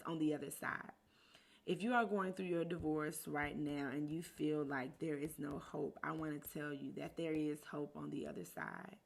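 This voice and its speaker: A woman with a low voice and a gravelly, creaky edge hosts her own podcast. She speaks earnestly and encouragingly, with a faith-filled tone. She often repeats words to stress a point. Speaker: podcast host. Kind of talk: encouraging faith-based monologue.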